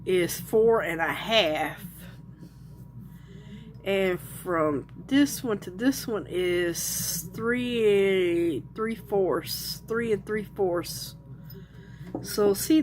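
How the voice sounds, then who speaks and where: A woman talks slowly and easily in a casual crafting vlog. She chats and thinks aloud as she measures and shows her pieces at an indoor craft table. A faint hum of room noise sits behind her voice. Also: medium pitch. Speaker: resin crafter and channel host. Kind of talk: casual show-and-tell vlog.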